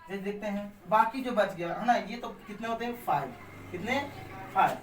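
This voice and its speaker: A man's voice: high voice, lively intonation, normal speed, slight background noise. A man teaching a basic grammar lesson to camera, asking and answering his own questions with frequent tags. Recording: echoey room, far from the mic.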